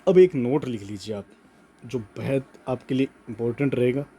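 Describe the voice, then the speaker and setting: Mellow-voiced man teaching grammar. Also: medium pitch, breathy edge. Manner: slow emphatic dictation, repeats words, frequent "ठीक है". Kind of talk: Hindi grammar lesson, dictating notes.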